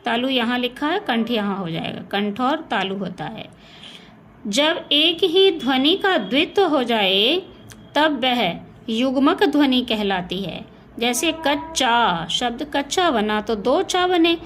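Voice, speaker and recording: Slow, high-voiced woman teaching grammar. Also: animated. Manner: slow, patient, spells words out sound by sound. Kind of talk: exam-prep lesson, checking answers aloud. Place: home beside a railway track. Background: faint household ambience, occasional train noise.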